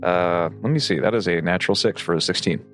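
A man's voice: low voice, fast talker, fairly bright tone, soft background music. A man chatting casually as a player at a tabletop game, talking through his moves and rolls.

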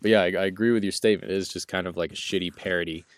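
A man's voice: sits low, fairly even intonation, racing, no room sound, studio quality. A young man co-hosting a casual film review podcast, rambling and joking, often correcting himself mid-sentence. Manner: rambling, jokey, self-correcting. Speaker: podcast co-host.

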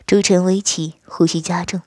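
A woman narrating an audio story in a soft, hushed, breathy voice. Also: lowish voice, fairly even intonation, moderate pace, dry recording, studio quality.

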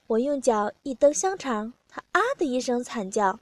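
A woman with a high voice reads an adult story aloud, keeping a plain and steady first-person pace. The recording is dry and close, with no room sound behind her. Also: normal speed, no echo. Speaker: narrator.

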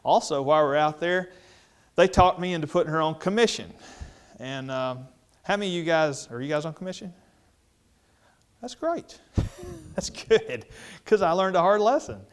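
A middle-aged man with a drawl tells a funny, self-deprecating story to a room of fellow dentists. His voice sits a little high for a man. He gets animated and mimics other people's voices when he quotes them. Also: a little fast, smooth. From Mississippi. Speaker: dentist speaking to dental professionals. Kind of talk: humorous storytelling talk to an audience.

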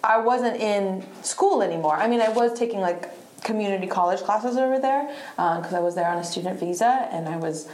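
A woman's voice: medium pitch, fairly quick, darkish tone. A woman of about thirty, originally from Argentina, shares her story as a podcast guest. She rambles easily, leans on "like", and drops the odd swear word. Her voice carries the roomy echo of a live bar taping. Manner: chatty, lots of "like", swears freely. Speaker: guest musician. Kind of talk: casual storytelling interview. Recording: roomy live venue sound.

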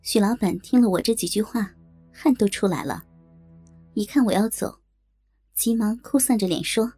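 A woman telling a story in the first person, in a colloquial, brisk storytelling manner. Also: mid-range voice, mellow, breathy edge, faint music behind. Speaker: narrator.

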